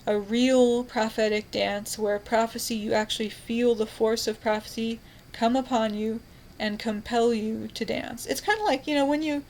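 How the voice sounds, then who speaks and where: Woman, slightly high voice, self-styled prophet; rambling, fervent, full of restarts and fillers. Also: steady tone, normal speed, darkish tone, a little hiss or hum, rough recording. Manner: rambling and fervent, with frequent restarts and "you know". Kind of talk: evangelizing monologue.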